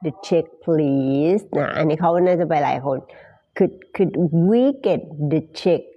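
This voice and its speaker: A Thai woman teaching English pronunciation in a live stream, drawing out model phrases slowly between quick explanations. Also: lowish voice, dull audio.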